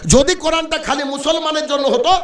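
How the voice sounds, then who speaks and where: A man's voice: extremely high pitch, steady tone, a little fast, fairly bright tone. A male Islamic preacher giving a didactic sermon in short, separated staccato phrases, repeating himself and asking rhetorical questions. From India. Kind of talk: Bengali waz sermon to an audience. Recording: echoing amplified voice.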